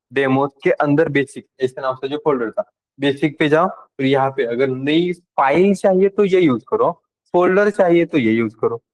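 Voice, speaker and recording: A man's voice: medium pitch, rough recording. Man teaching a coding class, casual. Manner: casual and direct with students, switching between Hindi and English terms. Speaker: programming instructor. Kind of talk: live classroom lecture.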